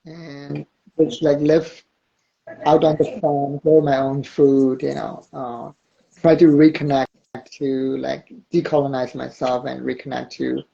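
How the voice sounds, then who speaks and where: Gravelly flat-voiced man from Burma. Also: medium pitch, unhurried, dull audio. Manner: hesitant, thoughtful, many fillers. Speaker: guest. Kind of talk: casual podcast chat.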